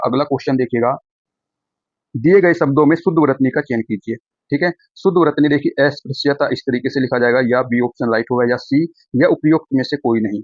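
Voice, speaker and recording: Brief: male tutor, rapid drilling delivery, dry close recording. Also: mid-range voice, dry recording, highs cut off. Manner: brisk, repetitive, calls students friends. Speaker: teacher. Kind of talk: online exam-prep lecture.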